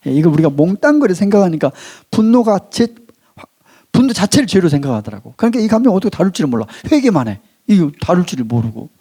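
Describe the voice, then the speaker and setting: A male pastor giving a sermon in a church, his voice pitched a bit high with lively rises and falls. His tone is mellow and warm. He draws out key phrases slowly, then lets his voice sink, and he has the congregation read along with him. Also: slightly rough. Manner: leads the congregation in call-and-response reading.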